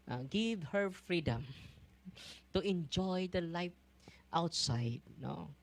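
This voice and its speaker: Animated Filipino priest preaching. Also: male voice, slow, creaky. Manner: switches between Tagalog and English, keeps asking the crowd for agreement; laughs easily, animated swings in pitch. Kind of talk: conversational preaching to a congregation.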